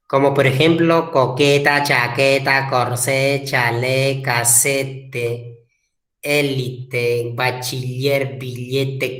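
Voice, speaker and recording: Male teacher, unhurried lecture, repeats terms, echoey classroom. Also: mid-range voice, a bit bright. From Peru. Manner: repeats key words slowly for emphasis. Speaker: language teacher. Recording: echoey room.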